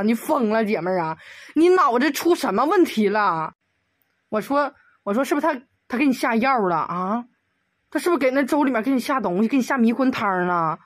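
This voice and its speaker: A woman's voice: a little high, no echo, clean studio sound. A woman, ranting comedically as a video commentator and firing off exasperated rhetorical questions. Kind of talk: comedic rant.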